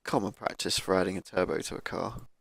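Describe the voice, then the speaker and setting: Croaky laid-back man. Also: sits low, fairly even intonation, fast, fairly bright tone, no room sound, studio quality. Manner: thinking aloud, laid-back, with fillers. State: croaky voice from a cold. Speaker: gaming YouTuber. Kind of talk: casual gameplay commentary. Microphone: cheap microphone.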